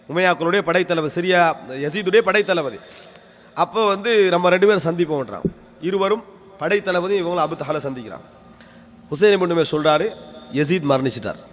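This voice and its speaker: High-voiced man preaching in a reverberant mosque hall. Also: fairly bright tone. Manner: rhetorical questions answered himself; storytelling, repeats key phrases. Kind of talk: weekly religious lecture.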